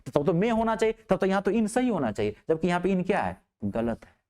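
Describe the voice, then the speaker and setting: A man with an Indian accent teaching English grammar, asking questions and answering them himself, and reading example sentences out slowly. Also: sits high. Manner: lively, asks questions and answers them himself, drills words. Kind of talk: classroom lecture.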